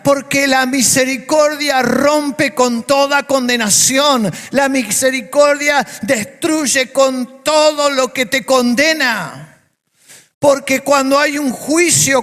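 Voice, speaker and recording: High-voiced Argentine pastor preaching slowly. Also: male voice, fairly bright tone, long reverb tail. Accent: Argentine Spanish. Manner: emphatic preaching with repeated phrases. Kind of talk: sermon. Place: church.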